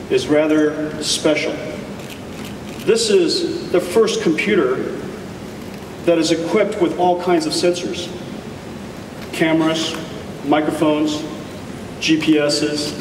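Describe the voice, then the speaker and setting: A man's voice: fairly high pitch, fairly even intonation, far from the mic, noisy background. Man giving a keynote in an echoey hall. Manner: enthusiastic, deliberate with emphatic pauses. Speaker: keynote speaker. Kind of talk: tech keynote presentation. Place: large conference hall stage. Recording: echoey hall taped from audience.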